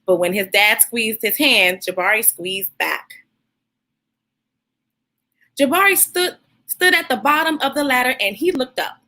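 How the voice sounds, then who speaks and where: A woman hosts a children's read-aloud, speaking to her young listeners in an animated, encouraging way. Her voice is a little high, her pace measured, and she leaves long pauses.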